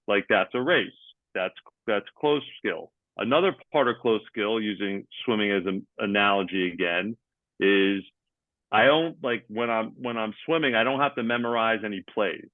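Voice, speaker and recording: A man's voice: fairly low pitch, normal speed, dry recording. Male coach on a video call, plain explainer, thin phone-like sound. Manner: explains jargon in plain terms, uses sports examples. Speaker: ADHD athlete coach. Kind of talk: explaining in conversation. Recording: tinny phone-like line, dry.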